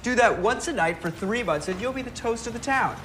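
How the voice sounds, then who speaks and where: A woman's voice: a little high, lively intonation, brisk, background noise, lightly acted. A woman playing a flamboyant socialite in a film, teaching party etiquette in a theatrical, gushing, sing-song way.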